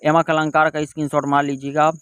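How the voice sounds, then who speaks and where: A man's voice: fairly high pitch, little pitch movement, fast talker, fairly bright tone, clear, resonant tone, no room sound. A man teaching an online exam-prep lesson, repeating key terms and asking and answering his own questions. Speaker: Hindi exam tutor.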